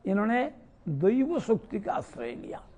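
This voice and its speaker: A man's voice: high-pitched, huge pitch swings, unhurried, mellow, dull audio. A man giving a devotional discourse, telling scripture stories and asking questions he then answers himself. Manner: poses rhetorical questions and answers them himself. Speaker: spiritual teacher giving a discourse.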